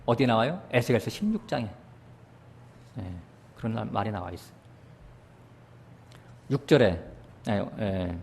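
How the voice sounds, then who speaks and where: A man's voice: measured pace, gravelly, long pauses, a little hiss or hum. Male pastor, sermon delivery, dramatic rises for quoted scripture, frequent short checks with the congregation. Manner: animated preaching, voicing God's words with sudden rises in pitch and loudness; often checks with the congregation using short asides.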